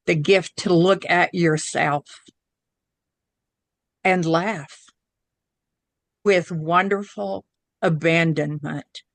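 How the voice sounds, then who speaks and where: An older woman voicing serene, benevolent ancestor grandmother spirits in measured, solemn pronouncements. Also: fairly low pitch, steady tone, dry recording. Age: 60s or older. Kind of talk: channeled spiritual message.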